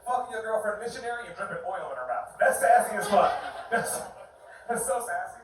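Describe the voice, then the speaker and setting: A man performing a stand-up comedy set, animated and jumping into high voices for his bits. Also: a little fast, heavy reverb, distant mic, rough recording. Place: comedy club stage. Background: audience laughter.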